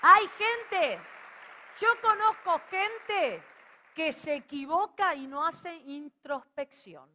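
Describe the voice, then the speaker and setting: A woman's voice: extremely high pitch, lively intonation, slow pace, sharp tone, some chatter behind, slight background noise. A middle-aged woman with an Argentine accent preaching a sermon and rousing the congregation to call back. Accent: Rioplatense Spanish. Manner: rousing, calls out to the audience.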